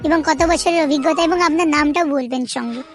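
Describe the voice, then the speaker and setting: A woman's voice: high-pitched, quick pace, faint music behind. A woman voicing a flustered interviewer at a shady business in a cartoon comedy, polite and stammering.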